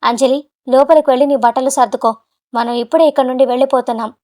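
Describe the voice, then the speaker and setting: A grave, protective old father speaks firmly and forcefully, as a woman narrator acts him out. The voice stays high and light for an older man, with a measured storybook gravity. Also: steady tone, close to an everyday voice.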